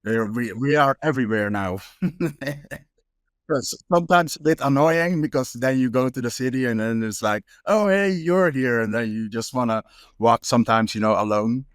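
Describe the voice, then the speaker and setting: Talking at a normal pace with a clean, medium-pitched voice, this young man from the Netherlands is a street photographer appearing as a guest in a relaxed interview. His speech is full of fillers and restarts, and the studio recording is clean with no room sound.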